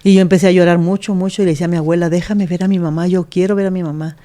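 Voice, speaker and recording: Lady pastor telling her story, mellow lowish voice, earnest, acts out what people said. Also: steady tone, very fast. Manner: earnest, retells scenes by acting out quoted speech. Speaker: pastor, guest. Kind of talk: telling a personal life story in an interview.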